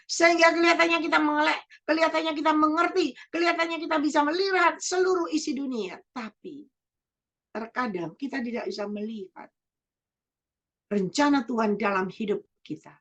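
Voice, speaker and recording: A woman preaching a sermon, repeating phrases and swinging between emphatic rises and quiet drops. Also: high-pitched, normal speed. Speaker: evangelist preacher.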